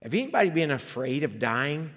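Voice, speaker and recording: In a church sanctuary, a guest preacher raised in Liberia tells his own testimony as part of a sermon, earnest and conversational, turning aside now and then to address the congregation. His slightly high voice swings widely in pitch and moves fairly quickly. The sound is that of a large hall.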